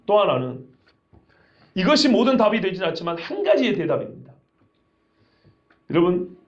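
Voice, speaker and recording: A man's voice: high-pitched, highs cut off. A male pastor preaching a sermon in a conversational way, often asking the congregation questions.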